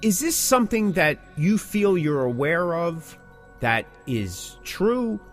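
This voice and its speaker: Faint music plays behind this man as he co-hosts a chatty music industry podcast and interviews musicians. Fairly high and sing-song, he takes it slowly, landing emphatic short phrases and asking rhetorical questions.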